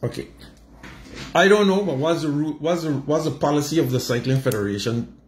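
A man's voice: a little high, brisk, reverberant. A man with a Caribbean accent hosting an unscripted sports radio interview, pressing with questions that he rephrases and repeats. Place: small radio studio, indoors. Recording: studio with faint background noise.

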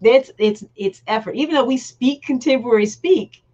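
A woman's voice: fairly high pitch, normal speed, a little mellow, muffled recording. A woman, a guest author, talking earnestly and at length in a casual chat over a video call. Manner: earnest, emphatic, explaining at length.

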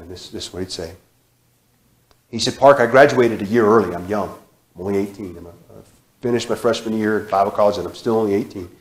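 A man in his thirties preaching a sermon in a church sanctuary, repeating phrases with emphasis and sudden drops to a hush. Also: deep voice. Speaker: guest preacher. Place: church sanctuary, large indoor room. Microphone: far camera, room mic. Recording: echoey church hall.

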